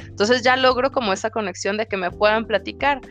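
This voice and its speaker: A woman's voice: a little high, a little fast, fairly bright tone, faint music behind. A woman with a Mexican accent talking in a frank, slangy way about raising her daughters. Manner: frank and slangy, acts out dialogues with her kids. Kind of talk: casual chat.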